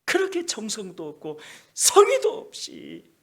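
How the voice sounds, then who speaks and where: A man's voice: high-pitched, wildly swooping pitch, measured pace, creaky, voice pushed up, exaggerated voice. A male pastor voicing an angry God who rebukes his priests with repeated, thundering demands. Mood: wrathful rebuke.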